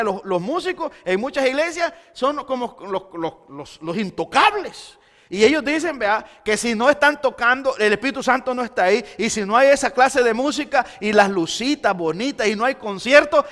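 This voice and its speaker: A man preaching a Sunday sermon as pastor, swinging between loud emphasis and quiet intensity. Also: extremely high pitch. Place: church sanctuary. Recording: long church hall reverb.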